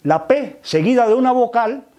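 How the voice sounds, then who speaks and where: A man's voice: extremely high pitch, animated, normal speed, dark tone. A man teaches religious vocabulary as a lecture, often adding tag questions and repeating words while searching for the next. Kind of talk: explanatory lecture.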